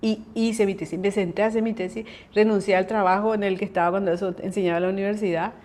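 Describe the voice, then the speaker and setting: A middle-aged woman hosting a conversation, telling a personal faith testimony in a lively way and often checking in with her listener. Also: medium pitch, fast. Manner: lively storyteller who acts out quoted dialogue; often asks listeners to confirm. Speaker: host sharing a personal testimony.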